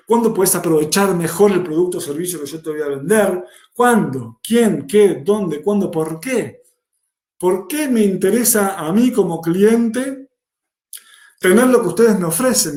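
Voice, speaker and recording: A man's voice: sits high, darkish tone, roomy sound. A man giving an explanatory workshop lecture, repeating key questions to drive points home. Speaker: workshop instructor. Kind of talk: online lecture.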